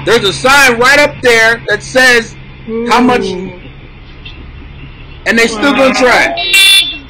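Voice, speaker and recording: A man in his forties ranting loudly on a live stream from a small room at home, recorded by a webcam at his desk, crude, laughing, swinging from shouting to mumbling. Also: extremely high pitch, expressive, slow pace, crowd noise. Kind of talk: rambling live-stream comedy rant.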